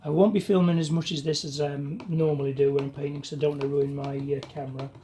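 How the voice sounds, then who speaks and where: Spray-painting a car part in her home garage, a woman talks casually to the camera, her voice muffled by a paint mask. She's relaxed and chatty in her running commentary, speaking fast in a low voice over a slight hiss or hum.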